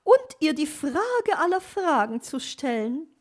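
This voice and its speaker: A woman doing a shrill, bossy magpie lady. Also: big pitch swings, a little slow. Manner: shrill, talkative, teasing. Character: chatty bossy female magpie neighbor.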